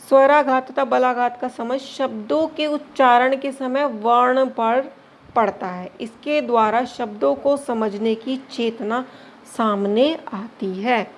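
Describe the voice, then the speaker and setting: A woman teacher giving an exam-prep grammar lesson, asking questions and answering them herself, checking in with short confirming tags and mixing English words into her explanations. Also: a little high.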